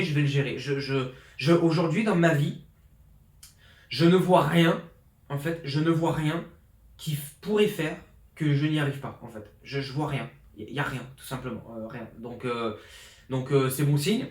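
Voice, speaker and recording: The room echoes around this young man's mid-range voice as he, a fitness coach in his 20s, excitedly rambles through his year in an informal vlog with frequent restarts and fillers. He's at home in his apartment flat, speaking into a borrowed pro journalist mic.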